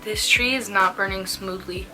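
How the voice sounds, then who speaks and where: A woman's voice: medium pitch, steady tone, normal speed, over music, low-quality recording. A young woman chatting casually in a laid-back, slangy stoner manner, as in a smoke-along vlog. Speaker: small YouTube vlogger.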